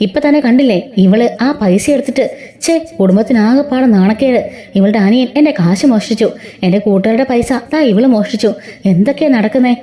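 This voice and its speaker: A woman's voice: fairly high pitch, brisk, dark tone, lightly acted. A woman reading a sneering, accusing mother-in-law. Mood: scornful. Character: scornful accusing middle-aged mother-in-law.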